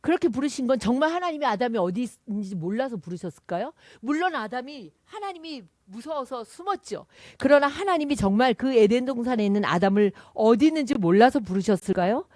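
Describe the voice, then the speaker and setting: A woman preaches in a high, bright voice that leaps up and down in pitch. She keeps asking her listeners questions and acts out the people in her stories. The sound is dry, with no room echo. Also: expressive, a little fast, hardly any pauses. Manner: asks the listeners questions and acts out quoted speech. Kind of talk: sermon.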